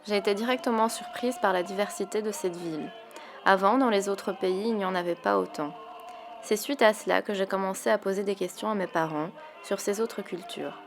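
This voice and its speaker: A young woman from Palestine who narrates and interviews in a soft, steady way. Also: mid-range voice, a little fast, over music. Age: young adult.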